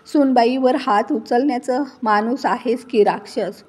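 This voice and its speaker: A woman's voice: fairly high pitch, measured pace, a little mellow, husky. A woman voicing a stern but loving father-in-law in his sixties, speaking firmly in a told story. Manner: firm, commanding.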